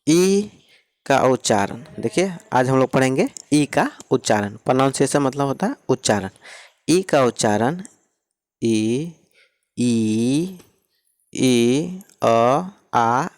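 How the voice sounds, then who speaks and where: A man's voice: mid-range voice, animated, moderate pace. A man teaching pronunciation rules who repeats each point and asks and answers his own questions, speaking. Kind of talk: classroom-style explanation.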